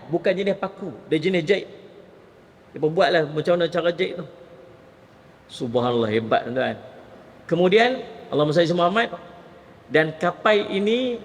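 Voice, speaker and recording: A Malaysian man with a northern Malay accent giving a lively mosque lecture, often addressing his audience directly. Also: sits high. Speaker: Islamic preacher. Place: mosque hall. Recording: long reverb of a mosque hall.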